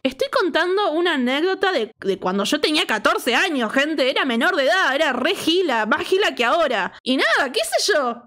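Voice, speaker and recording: Casting: Argentine woman, 30s, high voice, lively slangy storyteller who acts out the quotes. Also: normal speed, few pauses. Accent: Argentine Spanish. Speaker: storytime vlogger. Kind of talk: casual storytelling to camera.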